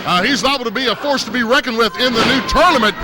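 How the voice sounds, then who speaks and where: A man's voice: very high-pitched, fast. A man doing live play-by-play commentary for a wrestling match in an arena, folksy and hesitant with frequent fillers. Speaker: play-by-play announcer. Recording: noisy arena recording.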